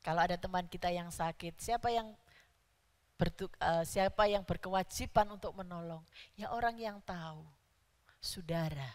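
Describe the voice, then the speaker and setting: A woman preaching a sermon in a church, stressing key words loudly. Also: lowish voice, moderate pace. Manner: emphatic, rising to loud stresses on key words. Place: church hall. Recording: church hall reverb.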